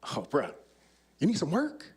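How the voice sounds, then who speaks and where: A man's voice: fairly high pitch, huge pitch swings, unhurried, husky, heavily acted. A man voicing a brash young male gang member who talks in loose street slang. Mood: cajoling. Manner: slangy, cajoling street talk.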